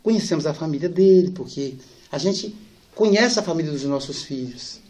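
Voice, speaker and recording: A middle-aged man giving a storytelling lecture, acting out dialogue and dropping soft and slow for sad parts. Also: on the high side, animated. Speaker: spiritist speaker.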